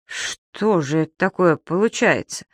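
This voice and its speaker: Fussy indignant gentleman for a storybook audiobook, grumbling and easily put out, voiced by the narrator. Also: medium pitch, expressive, unhurried, no echo, studio quality. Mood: puzzled. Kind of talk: audiobook reading.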